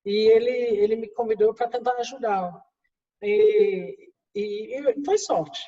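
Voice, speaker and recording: A guest executive gives interview answers in a second language, stopping and restarting often and using plenty of fillers. She's a middle-aged woman from England with an English accent, and her voice is on the high side, mellow and slow. The sound is distant, roomy and dull.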